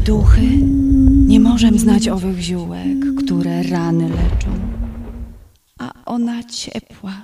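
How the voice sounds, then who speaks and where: A woman's voice: mid-range voice, distant mic. A woman voicing a female water nymph spirit, reciting theatrical verse in a declamatory way. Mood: horrified. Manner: declamatory, with swells of loudness.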